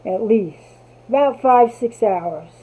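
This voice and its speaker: Speaking slowly with a fairly high pitch, a dark tone, and lively intonation, a woman from New Jersey leads a craft tutorial. In her Jersey accent, she chats away to herself while casually showing the craft. The sound quality is thin and phone-like.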